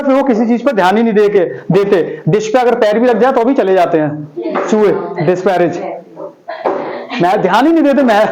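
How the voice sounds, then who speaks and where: A man's voice: high voice, a little mellow, rough recording. A male teacher explains English vocabulary in a playful way, using memory tricks and checking in with his students often.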